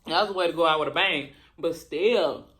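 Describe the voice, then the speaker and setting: A woman chatting casually and colloquially to viewers during a mukbang, chewing as she talks and pausing between bites. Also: deep voice, fairly bright tone. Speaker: mukbang vlogger. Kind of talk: casual chat to viewers while eating.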